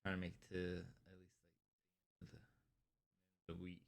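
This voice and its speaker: A man with a deep, gravelly voice talks through a casual podcast chat. He rambles, leans on fillers, and sounds tired. His delivery stays low and flat. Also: unhurried. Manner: rambling, heavy use of filler "like". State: tired, yawning. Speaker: podcast co-host.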